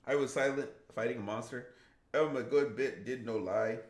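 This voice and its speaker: A man's voice: mid-range voice, normal speed. A man streaming games who chats casually, rambles and reads his viewers' comments aloud. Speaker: gaming streamer. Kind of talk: casual live-stream chat. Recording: roomy echo.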